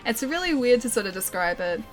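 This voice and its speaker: A woman's voice: on the high side, big pitch swings, brisk. A woman livestreaming a game and chatting casually with viewers, articulating a little carefully around the retainer trays in her mouth. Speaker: live game streamer. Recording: music playing behind the voice. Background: background music.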